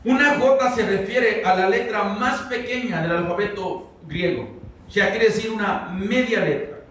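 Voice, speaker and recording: Male pastor, high voice, conversational Bible teacher, heard from afar in a booming church hall. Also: normal speed, fairly bright tone. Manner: conversational, quizzes the congregation. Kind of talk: verse-by-verse Bible teaching sermon. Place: church sanctuary. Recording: very echoey hall, mic far off.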